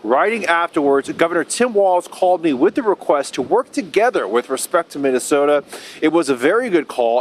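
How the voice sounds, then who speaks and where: Brisk male news reporter. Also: fairly high pitch. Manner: brisk, even newsreader delivery.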